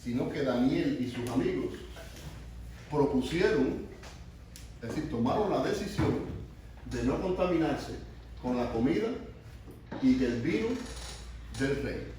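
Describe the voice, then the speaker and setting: A man's voice: medium pitch, lively intonation, unhurried, pauses often, mellow, slight background noise. Man preaching in an echoey room. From Cuba. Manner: asks the group questions, restarts often. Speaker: youth pastor. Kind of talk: teaching sermon to youth. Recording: echoey room, mic from far off.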